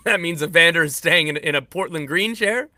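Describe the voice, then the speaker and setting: On a sports podcast, an insider co-host passes along news casually, jumping through restarts and self-corrections with an animated, joking manner. He speaks a little high at a moderate pace, and the recording is dry.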